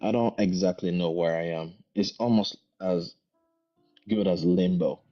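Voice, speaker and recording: Deep-voiced man with a thick foreign accent. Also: steady tone, measured pace. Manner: hesitant, thinking aloud, repeats phrases. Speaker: guest answering questions. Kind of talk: casual philosophical discussion. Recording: dull lo-fi audio, music behind.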